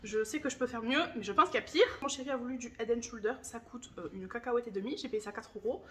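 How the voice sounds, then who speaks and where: Thirties woman, high voice, chatty home-vlog delivery, faint background hiss. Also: fast talker. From France. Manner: chatty, enthusiastic, confiding. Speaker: vlogger. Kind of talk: casual grocery haul chat.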